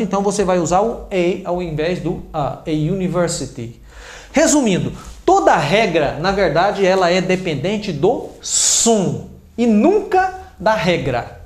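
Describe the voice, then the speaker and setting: A man with a Brazilian Portuguese accent giving a casual, chatty English lesson, explaining through examples and often checking in with "né" and "ok". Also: high voice. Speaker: English teacher. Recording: roomy echo.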